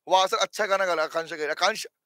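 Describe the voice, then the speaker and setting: A hoarse man teaching a live online accounting class, who quizzes and teases his students in an animated way. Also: high-pitched, fairly quick, no room sound.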